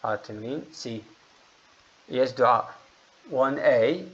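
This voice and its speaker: A man's voice: mid-range voice, quick pace, a bit bright, muffled recording. Man teaching English online. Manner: explains grammar rules patiently, calls on students by name. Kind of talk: online class teaching, mixing Arabic and English. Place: online classroom session.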